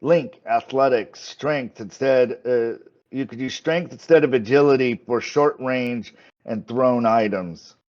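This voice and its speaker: A man's voice: mid-range voice, a little slow, a little mellow, muffled recording. A man running a tabletop game as game master, narrating off the cuff and often repeating words as he explains.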